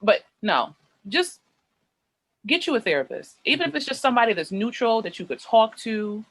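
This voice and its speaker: A woman's voice: fairly high pitch, big pitch swings, moderate pace, a bit bright. A woman on a discussion panel, giving emphatic, direct advice to listeners.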